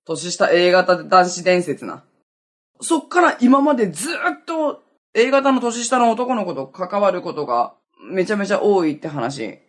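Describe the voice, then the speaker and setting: Chatty young woman with a husky, lively voice. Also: mid-range voice, moderate pace. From Okinawa, Japan. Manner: chatty, laughs often, self-mocking. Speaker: podcast host. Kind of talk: casual solo chat.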